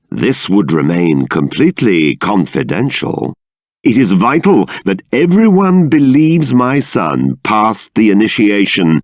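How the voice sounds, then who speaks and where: Gravelly, sweeping King Clavius, stern and regal. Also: fairly low pitch, no room sound, studio quality, heavily acted. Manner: regal, formal, deliberate, emphatic. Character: stately, stern king and exasperated father. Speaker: video game character voice. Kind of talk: theatrical fantasy game voice acting.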